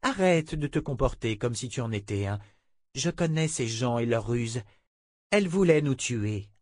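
A man's voice: mid-range voice, moderate pace, no echo, studio quality, natural voice. Man reading a cold, ruthless woman mentor. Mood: coolly stern. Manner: calm, cutting, commanding.

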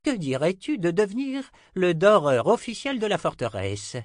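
A man voicing a kindly, wry old male wizard in an audiobook, speaking in a warm, unhurried way. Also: high voice, huge pitch swings, no room sound, clean studio sound, pitched above the performer's own voice. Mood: genial. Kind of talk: audiobook character reading.

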